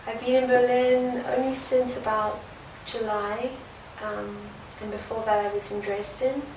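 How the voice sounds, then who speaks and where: A young woman talks earnestly and reflectively, often pausing on fillers as she answers. She is picked up from a distance in an echoey indoor room. Steady background noise runs underneath. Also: a little high. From South Africa. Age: early 20s. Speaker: guest dancer. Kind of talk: conversational interview. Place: indoor art venue. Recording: roomy, distant mic, noisy background.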